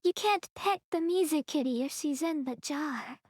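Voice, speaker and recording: A woman's voice: sits high, normal speed, no room sound, clean studio sound. A young woman streaming a game with a friend, chatting in a giggly, bubbly way. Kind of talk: casual gaming chat.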